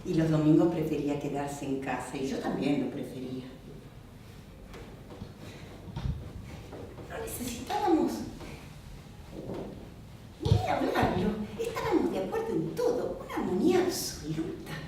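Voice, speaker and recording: A stage actress with an Argentine accent performs a one-woman theatrical monologue as Olga, a prim, theatrical middle-aged wife devoted to her husband. She speaks at normal speed in a prim, near-everyday female voice, expressively mimicking sounds and shifting pitch for emphasis. The theatre-stage recording is echoey, distant-miked, with music and background noise.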